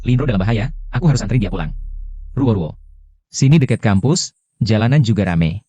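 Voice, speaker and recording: A low, dark-voiced young student. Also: male voice, animated, a little fast, no room sound. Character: young man, student caught between two women. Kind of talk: dubbed drama.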